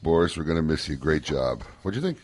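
A man's voice: very deep voice, sing-song, fast, a little mellow. A man hosting a show with casual, teasing banter. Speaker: show host.

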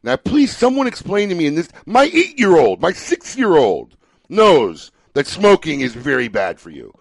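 A man's voice: on the high side, normal speed, husky, no echo. A man hosting a podcast, chatting casually and ranting with lots of restarts. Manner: animated, ranting, frequent restarts. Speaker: podcast host. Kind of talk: casual opinionated chat.

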